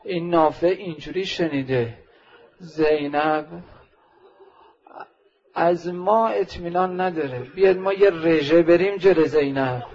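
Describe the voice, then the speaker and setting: A male preacher voicing an elder male warrior who calls out loudly and commandingly to his companions. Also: on the high side, pauses often. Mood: rallying. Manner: loud commanding quoted calls. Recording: dull lo-fi recording.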